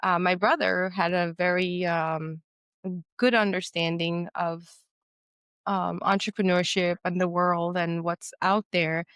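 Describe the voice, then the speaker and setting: A woman's voice: lowish voice, fairly even intonation, measured pace, a bit bright, clean tone, dry recording. A woman from Guyana hosting a podcast interview, talking reflectively with frequent fillers and restarts. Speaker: podcast host. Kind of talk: conversational interview.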